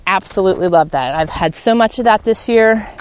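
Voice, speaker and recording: A woman with a medium-pitched voice speaks fairly quickly as she hosts a solo podcast, talking informally and earnestly to encourage her listeners. The background is clearly noisy, with clicks.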